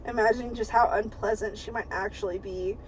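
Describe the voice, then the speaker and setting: A woman's voice: mid-range voice, fairly even intonation, fairly quick, poor audio. A woman co-hosting a podcast, reading a book aloud for laughs, giggling often and swearing freely. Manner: giggly and profane, breaks into laughter while reading. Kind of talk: comedic read-aloud with banter.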